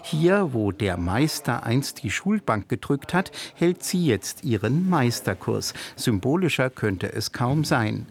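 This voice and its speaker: A man's voice: medium pitch, gravelly. Man reading a radio report. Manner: measured, even reading. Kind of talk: scripted narration.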